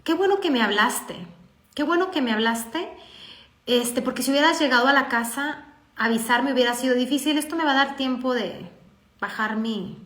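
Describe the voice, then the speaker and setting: A woman's voice: sits high, moderate pace, a bit bright. A woman with a Mexican accent voicing her dramatic, upset young daughter. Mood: sulky. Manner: sulky, dramatic. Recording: echoey room.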